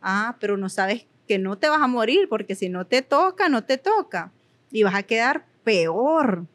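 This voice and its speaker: A woman's voice: fairly high pitch, very animated, unhurried, a bit bright. A young woman giving earnest, emphatic personal testimony in an interview, repeating words for emphasis. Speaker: guest sharing her story.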